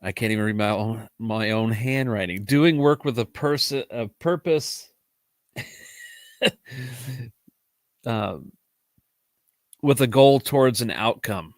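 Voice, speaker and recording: Speaking slowly and pausing often in a lowish, nasal voice, a man hosts a casual solo livestream podcast while congested from allergies. He rambles, restarts his sentences and laughs frequently, and the studio sound is clean with no room sound.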